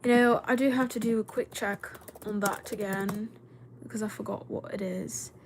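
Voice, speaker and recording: A young woman chats casually on her livestream, talking quickly and rambling with plenty of filler words. Her voice sits at a middling pitch, with a faint hiss in the background. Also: steady tone. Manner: fast, rambling talk with many fillers. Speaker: livestream host. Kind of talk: casual livestream chat with viewers.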